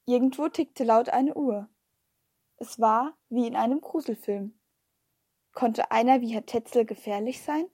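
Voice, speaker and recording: A woman narrating a children's story in a lively first-person storytelling manner. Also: on the high side, a little slow, no echo, studio quality. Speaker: audiobook reader.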